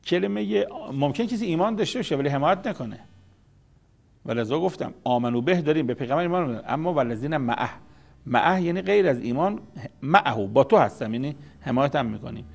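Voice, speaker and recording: A man's voice: on the high side, lively intonation, vocal fry. A man giving a religious lecture on scripture, explaining terms patiently and repeating key words for emphasis. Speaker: Quran commentator.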